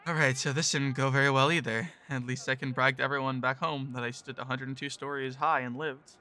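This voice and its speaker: A man narrating a visual novel in the first person, in a bright, forceful voice at a middle pitch. He reads in a nervous, self-deprecating tone. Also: steady tone, a little fast.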